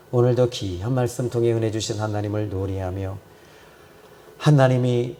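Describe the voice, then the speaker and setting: A male pastor preaching a sermon and praying, swinging from loud fervent repetition to quiet, low reflection. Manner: repeats phrases for emphasis. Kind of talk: sermon with prayer.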